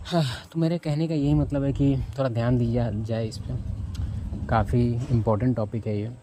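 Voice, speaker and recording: A blunt self-help vlogger gives casual advice in a mellow, low-toned voice at normal speed with fairly even intonation, recorded on an outdoor rooftop with faint background noise. He rambles, loses his thread and asks himself what the topic was, and addresses the listener with the informal "tu."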